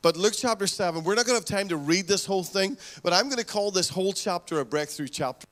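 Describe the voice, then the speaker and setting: A man's voice: high-pitched, expressive, fast talker, fairly bright tone. A man preaching a fervent, exhorting sermon full of rhetorical questions. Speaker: pastor.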